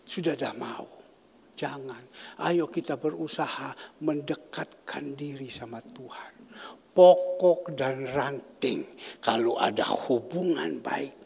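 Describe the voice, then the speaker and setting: A male pastor preaching in an informal, conversational manner, his voice ringing through a large, reverberant church hall. He swings between sudden loud bursts and quiet, dropped asides. A faint ambient hum sits behind him. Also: medium pitch, gravelly. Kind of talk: sermon.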